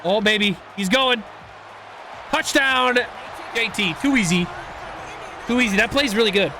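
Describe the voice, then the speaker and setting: A young man giving casual, excitable commentary while playing a football video game, rambling and reacting loudly to big plays. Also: high-pitched, brisk, a faint crowd, slight background noise. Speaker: gaming YouTuber.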